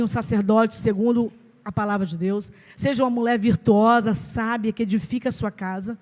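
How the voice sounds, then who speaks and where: A woman's voice: fairly high pitch, a little mellow. A Brazilian woman pastor preaching a sermon in an emphatic, conversational way, asking rhetorical questions. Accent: Brazilian Portuguese. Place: church sanctuary. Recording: reverberant church hall.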